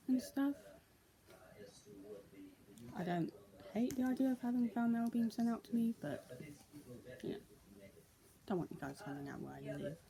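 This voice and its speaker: A woman's voice: mid-range voice, rough recording. Chatty young woman vlogging over crowd noise. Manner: chatty, rambling, many "so, yeah" fillers. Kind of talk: casual unboxing vlog. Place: indoors in daylight. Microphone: tablet's built-in mic.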